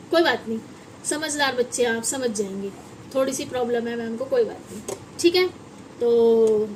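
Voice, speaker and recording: High-pitched woman as patient English teacher, explains to kids with questions, faint hiss behind. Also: rough recording. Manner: patient, addresses viewers as children, asks and answers her own questions. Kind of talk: classroom-style lesson at a whiteboard.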